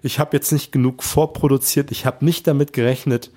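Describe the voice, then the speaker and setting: A man's voice: medium pitch, fairly even intonation, fairly quick, mellow. A man in his thirties with a stuffy nose from a cold, hosting a motivational sales podcast and encouraging the listener directly. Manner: earnest, encouraging, direct address. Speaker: podcast host, sales coach.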